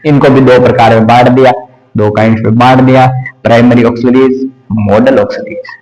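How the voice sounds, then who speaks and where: A man teaching English grammar in Hindi, explaining slowly and repeating lists aloud while he writes. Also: mid-range voice, steady tone, darkish tone. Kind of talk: classroom grammar lesson. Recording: echoey room.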